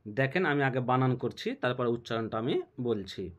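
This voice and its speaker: A man teaching Quran recitation rules step by step, spelling out letters, then chanting verses slowly and melodically, and answering his own questions. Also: medium pitch, fairly bright tone. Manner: asks questions and answers them himself, slow drawn-out melodic recitation.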